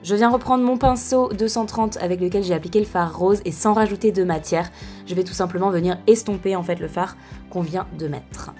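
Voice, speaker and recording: A woman's voice: fairly low pitch, brisk, a little mellow, soft background music. A young woman talks through a makeup tutorial in a casual, chatty way, with many fillers and self-corrections. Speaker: beauty vlogger.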